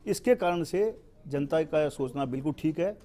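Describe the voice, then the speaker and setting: A male debate guest with a mellow, slightly high voice. He speaks earnestly, building his case through repeated urging phrases. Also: expressive, normal speed. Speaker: panel guest. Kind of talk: televised debate argument.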